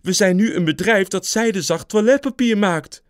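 A man voicing a panicking female mouse editor, shrill and breathless, close to tears, in a storybook reading. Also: moderate pace, dry recording, close to an everyday voice. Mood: tearful.

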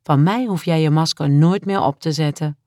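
A woman voicing a tender, self-mocking grown man who speaks softly and earnestly in an audiobook. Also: low voice, normal speed, dry recording, clean studio sound, natural voice. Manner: soft and earnest. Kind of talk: audiobook character voice.

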